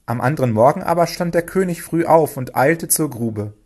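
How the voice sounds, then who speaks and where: A man reading a children's storybook aloud, lively and expressive. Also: a little high, normal speed. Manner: expressive, lively, acts out dialogue.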